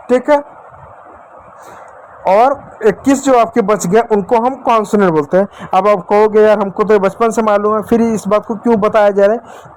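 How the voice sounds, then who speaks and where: High-voiced man teaching children. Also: slight background noise. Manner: addresses children directly, repeats and checks with "ठीक है". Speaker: English teacher. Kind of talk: classroom-style lesson for children.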